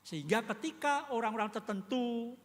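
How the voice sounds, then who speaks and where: A man's voice: very high voice, animated, normal speed. A man pastor preaching a sermon in a conversational way, often asking his congregation for agreement. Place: church. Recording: long church reverb.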